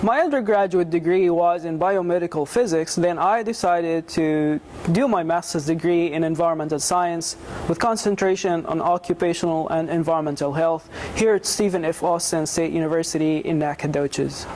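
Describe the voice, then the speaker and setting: Young man, higher voice, grad student walking through his study, faint hum behind. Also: darkish tone. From Jordan. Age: young adult. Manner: measured, explanatory, some restarts. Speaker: graduate student researcher. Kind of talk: explaining his research to camera.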